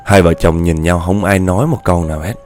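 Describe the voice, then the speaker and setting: A man with a low voice, telling a ghost story. He talks in a chatty way and keeps turning to his listeners, with faint music running under him. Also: steady tone, quick pace, darkish tone. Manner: chatty, addresses listeners directly.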